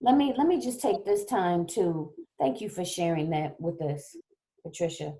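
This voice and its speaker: A woman's voice: lowish voice, animated, normal speed, dark tone. A woman hosting an online talk show on her laptop, losing her voice, chatting casually and repeating herself as she reads names. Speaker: host. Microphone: laptop on a video call.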